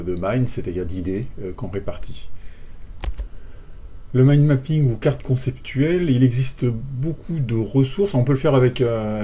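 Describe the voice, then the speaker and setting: Male instructor for a recorded online lesson: warm, mellow voice with a hesitant, filler-heavy delivery. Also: fairly low pitch. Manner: hesitant, many fillers and restarts.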